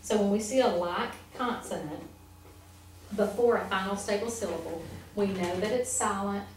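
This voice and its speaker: A woman's voice: mid-range voice, normal speed. A woman teaching a one-on-one phonics lesson, patient and encouraging, asking guiding questions. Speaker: reading teacher. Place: classroom. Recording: echoey room, distant mic, loud AC hum. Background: air conditioner hum.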